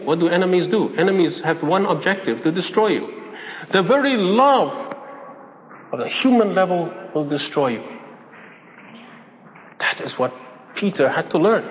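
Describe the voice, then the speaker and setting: A man's voice: sits high, slight background noise. A man preaching a sermon, emphatic, repeating phrases and asking rhetorical questions. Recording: dull lo-fi recording with long hall reverb.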